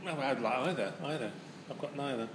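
A man's voice: mid-range voice, fairly quick. A man interviewing in a casual chat, with teasing, rambling questions. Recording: echoey room with clear background noise.

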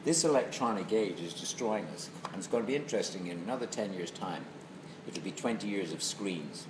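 Low-voiced and a little fast, with lively intonation, this middle-aged west of Ireland man runs a comedy venue and is being interviewed. His casual chat is joking, wry, and mock-seriously ranting, recorded in an echoey room with obvious background noise.

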